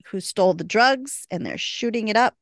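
Gravelly-voiced woman recapping an episode. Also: moderate pace, dry recording, clean studio sound. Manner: chatty, acts out character lines with lively pitch jumps. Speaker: podcast co-host recapping an episode.

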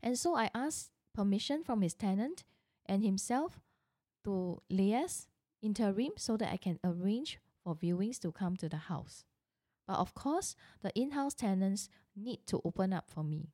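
A woman's voice: mid-range voice, expressive, a little slow, dark tone, no room sound, clean studio sound. Earnest woman agent telling a story. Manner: earnest, frequent restarts and self-corrections. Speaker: real estate agent. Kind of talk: personal storytelling monologue.

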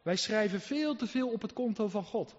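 A man preaching a sermon, emphatic and earnest, swinging between loud exhortation and quiet asides. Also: high voice, expressive, moderate pace. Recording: muffled sound in a reverberant hall.

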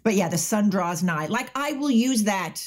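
A woman's voice: mid-range voice, expressive, normal speed. A woman, an actress on a discussion panel, chatting casually and telling stories from past shoots. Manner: chatty anecdotal storyteller. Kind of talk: casual chat.

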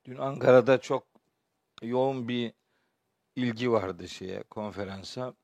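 A man giving a religious lecture as a teacher, his voice hoarse and strained, phrasing deliberately with pauses. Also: medium pitch, steady tone, a little mellow, dry recording. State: hoarse from shouting the day before, clearing his throat often. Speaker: Quran teacher and preacher. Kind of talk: spoken religious lecture with verse commentary.

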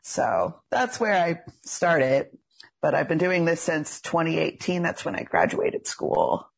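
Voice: medium pitch, sing-song, measured pace, creaky, breathy edge. A young adult esthetician from Cape Breton with a Canadian accent, chatting casually as an interview guest in a female-sounding voice. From Cape Breton, Nova Scotia, Canada. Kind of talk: casual chat.

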